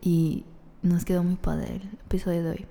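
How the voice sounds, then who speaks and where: A young woman with a Mexican accent co-hosts a podcast in loose, slangy chat, her voice worn and fading. Her voice sits a bit low. The room is echoey, with a long reverb tail. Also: level tone, moderate pace, vocal fry, mellow. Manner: casual, slangy. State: losing her voice. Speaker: podcast co-host. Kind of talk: casual chat.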